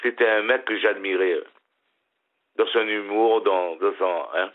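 A man's voice: fairly low pitch, fairly even intonation, a little slow. Smiling middle-aged man on a phone line. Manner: hesitant, repeats and restarts words. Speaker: caller. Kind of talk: casual phone-in chat. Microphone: telephone.

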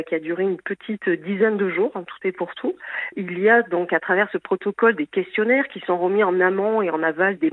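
A woman forest guide speaks as a radio interview guest, measured and often restarting her phrases. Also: medium pitch, no echo. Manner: measured, with frequent fillers and restarts. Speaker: certified forest bathing guide. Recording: phone-like dry radio line.

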